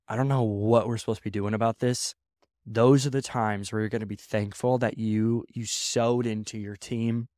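A man's voice: fairly low pitch, darkish tone, dry recording, studio quality. A man speaking as a pastor, giving a casual sermon-style talk on leadership, repeating phrases and acting out quoted voices.

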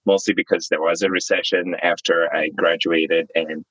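A Zimbabwean startup founder in his thirties tells his story candidly as an interview guest, relaxed and using fillers. His voice is low-pitched at normal speed, with no echo but dull audio.

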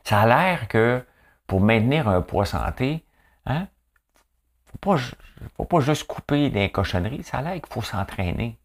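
This time the host's nasal voice sits mid-range, sing-song and measured in pace, with a Quebec French accent. He gives a casual, joking monologue of commentary, chatty and full of "hein" at the ends of his sentences.

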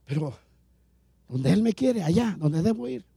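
Pastor guy preaching, high gravelly voice, dark tone, repeats himself and builds up. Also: big pitch swings, a little slow, dry recording. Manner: preaching with repetition and rising emphasis. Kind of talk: sermon.

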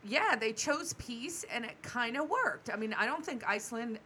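Chatty higher-voiced woman co-host. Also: expressive, moderate pace, bright, forceful tone. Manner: chatty, laughs often, trails off and restarts. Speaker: podcast co-host. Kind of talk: casual chat. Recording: faint background noise.

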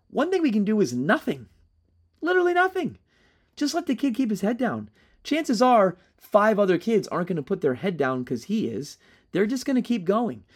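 Chatty man coaching fellow teachers. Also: high-pitched. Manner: conversational, with frequent "right?" check-ins and restarts. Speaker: teacher training other teachers. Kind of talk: instructional talk to educators.

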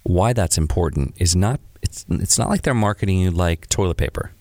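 Low male podcast co-host, earnest explainer, dry close sound. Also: lively intonation, moderate pace, a little mellow, dry recording. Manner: earnest, explaining, agreeing often. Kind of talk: casual chat.

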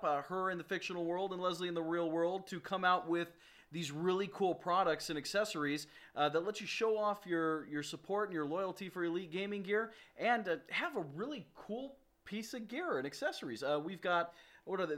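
High-voiced, jokey male podcast host. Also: animated, normal speed, a bit bright. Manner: laughing, joking, promo-style hype. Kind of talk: casual podcast chat.

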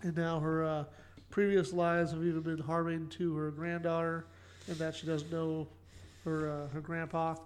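Casual man recapping with flat intonation. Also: fairly high pitch, normal speed. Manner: summarizes plot with many fillers and "kinda". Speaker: podcast host recapping a sitcom episode. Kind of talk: casual chat.

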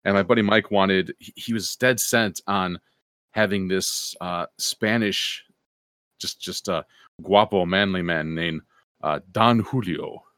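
A man co-hosting a casual chat, joking around and telling animated stories. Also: low voice, slow, clean tone, no room sound. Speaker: podcast co-host.

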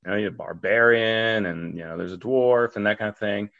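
Low-voiced man co-hosting, slightly dull recording. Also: a little fast, creaky, fairly bright tone. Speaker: podcast co-host. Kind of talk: casual chat.

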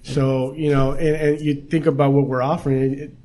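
A man's voice: medium pitch, little pitch movement, a little fast, dark tone. A man who runs a restaurant and brewery, talking casually and proudly in an interview about what he serves, recorded in a small restaurant. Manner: proud, explains details at length.

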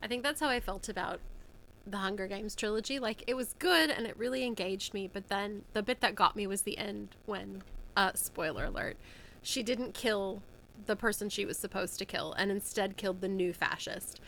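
A woman co-hosting a casual book chat, her voice croaky and congested from a cold, retelling things informally. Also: mid-range voice, normal speed, fairly bright tone, rough recording. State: has a cold. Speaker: podcast co-host.

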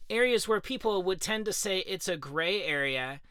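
A man's voice: high-pitched, animated, moderate pace, pushed and bright, clear, resonant tone, no echo, studio quality. A man co-hosting a casual faith podcast, speaking earnestly and with emphasis, often checking in with "right?". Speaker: podcast co-host.

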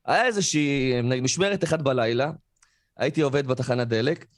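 A man's voice: medium pitch, dry recording. A man telling a story on a podcast. He talks casually and fills it with fillers, and he acts out the people he quotes. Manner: animated, acts out quoted voices, frequent fillers. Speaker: podcast co-host.

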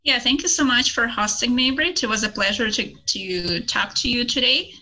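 A woman's voice: fairly high pitch, normal speed, pushed and bright, rough recording. A woman with a Russian accent, chatting casually as a guest on a podcast. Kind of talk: casual chat.

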